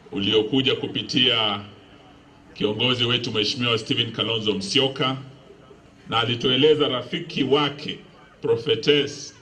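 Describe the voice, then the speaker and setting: A man's voice: mid-range voice, sharp tone. Kenyan man making a formal greeting speech. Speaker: politician. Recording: live speech with faint ambient noise.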